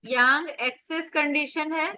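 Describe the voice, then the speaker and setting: High, bright-voiced woman teaching online. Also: fairly even intonation, slow, dry recording. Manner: explains step by step, asks rhetorical questions; firm with students. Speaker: acupressure teacher. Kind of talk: online revision lecture.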